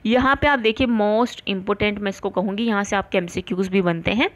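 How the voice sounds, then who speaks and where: A woman teacher, explaining a science lesson to students. She asks and answers her own questions and reads textbook lines slowly. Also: mid-range voice, fairly even intonation. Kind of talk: classroom lecture for students.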